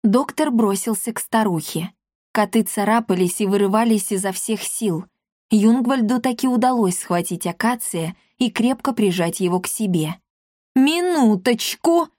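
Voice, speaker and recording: A woman reading a children's story aloud in a lively, expressive way. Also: mid-range voice, normal speed, no room sound, studio quality. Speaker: audiobook reader. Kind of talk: storybook narration.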